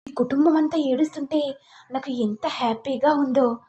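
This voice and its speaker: A woman's voice: sits high, moderate pace, dark tone, dull audio, close to an everyday voice. A woman voicing a spiteful scheming young wife. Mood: gloating. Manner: gloating.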